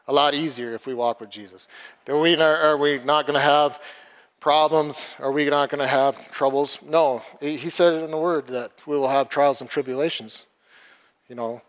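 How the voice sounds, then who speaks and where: A man giving an informal sermon, halting and repeating words as he retells a story. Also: on the high side, fairly bright tone. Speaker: preacher. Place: church hall. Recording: long hall reverb.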